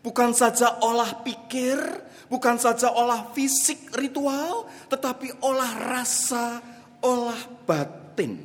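A man preaching a sermon, telling a story dramatically and swinging between loud calls and hushed asides. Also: very high voice, takes it slowly. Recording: long reverb of a large hall.

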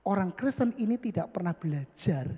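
A man preaching a sermon, leaping high and loud for emphasis and dropping soft and low for asides. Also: expressive, moderate pace, dull audio. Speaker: pastor. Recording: long hall reverb, husky voice.

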